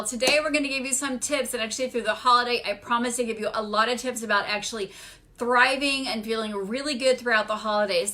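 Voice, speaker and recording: A woman's voice: a little high, pushed and bright. A middle-aged woman hosting a casual live stream from home as a wellness doctor, upbeat and chatty, sometimes tripping over her words. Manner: upbeat, chatty, stumbles while reading comments.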